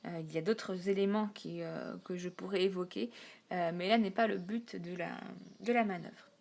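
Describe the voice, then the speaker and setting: A woman's voice: lowish voice, fairly even intonation, gravelly, a little mellow. Hesitant woman teaching a recorded lesson. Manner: hesitant, many fillers, counts syllables slowly. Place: home desk, recorded on a tablet.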